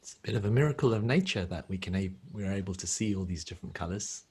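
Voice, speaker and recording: This meditation guide is a man whose voice is deep and grainy. He talks gently and without rushing, pausing at length between phrases like an instructor, yet his intonation stays lively.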